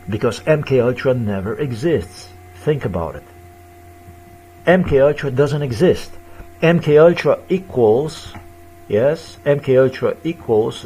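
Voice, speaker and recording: A man's voice: mid-range voice, a little mellow, slight background noise. A man in his fifties delivering an agitated, repetitive ranting monologue in broken, non-native English grammar. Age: 50s.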